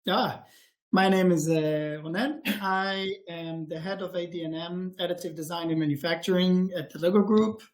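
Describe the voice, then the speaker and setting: A man from Israel, a department head, explaining calmly over a video call with some hesitant pauses. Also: high voice, low-quality recording. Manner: measured, explanatory, hesitant fillers.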